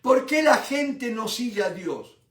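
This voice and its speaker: Fervent high-voiced preacher, echoey room. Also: male voice, animated, takes it slowly, fairly bright tone, distant mic. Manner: fervent, addresses listeners as brothers. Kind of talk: Bible study sermon.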